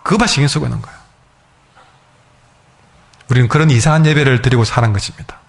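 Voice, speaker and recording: A man's voice: medium pitch, quick pace, gravelly. A male pastor preaching a sermon emphatically, acting out his congregation's words.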